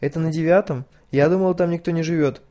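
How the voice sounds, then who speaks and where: Man doing a shrill frightened schoolgirl. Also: fast talker, dark tone, close to an everyday voice. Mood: shaky. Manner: squealing, pleading, breathless.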